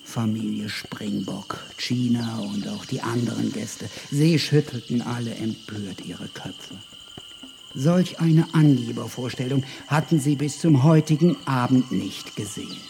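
A man reading a children's animal story aloud, calm and measured. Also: mid-range voice, vocal fry, soft background music.

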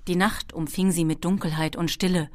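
A woman narrating a children's novel in a calm, measured way. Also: fairly low pitch, no echo, clean studio sound. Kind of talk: audiobook narration.

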